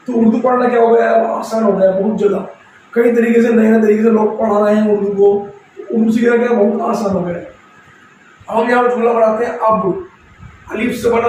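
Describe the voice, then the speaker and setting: Man, high voice, teacher, patient step-by-step explaining, self-answered questions, very echoey room, heard from a distance. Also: a little mellow, a little hiss or hum. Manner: explaining patiently, repeating letters and asking questions he answers himself. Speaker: Urdu teacher. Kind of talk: step-by-step script lesson.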